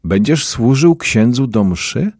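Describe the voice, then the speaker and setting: A gruff, short-tempered male sacristan, as a narrator puts him on, scolding loudly. The voice is husky and swings widely in pitch, heard close and dry. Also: animated, extremely slow, dry recording, full character voice. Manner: scolding, shouting.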